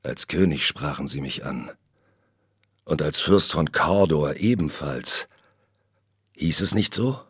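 A man's voice: a bass voice, takes it slowly, long pauses, fairly bright tone, breathy edge, dry recording, studio quality, pitched below the performer's own voice, full character voice. A man voicing Macbeth, a stern Scottish lord who speaks in an urgent, commanding way. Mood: pensive.

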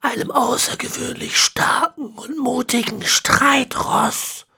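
A reader voicing a spiteful, scheming 101-year-old man in a high, whispery, cackling old voice, from an audiobook. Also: takes it slowly, vocal fry, sharp tone, slightly rough, exaggerated voice.

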